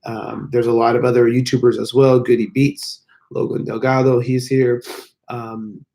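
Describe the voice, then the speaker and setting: Man, American accent, very hoarse, gravelly, strained breaking voice, medium pitch, casual livestream chat. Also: little pitch movement, normal speed, mellow. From United States. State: voice mostly lost from sickness. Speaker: fitness YouTuber hosting a livestream. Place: hotel room.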